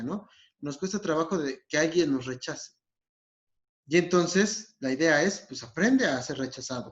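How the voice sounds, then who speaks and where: A man with a Mexican accent explaining a therapy technique in a recorded lesson, often checking in with his listeners. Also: fairly high pitch. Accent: Mexican Spanish. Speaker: psychologist. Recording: dull lo-fi recording.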